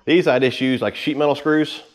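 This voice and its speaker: A man in his thirties, a vlogger, gives an unscripted boat tour to camera from his home garage with the door open. His mid-range voice stays fairly even as he rambles casually, pausing while he handles gear.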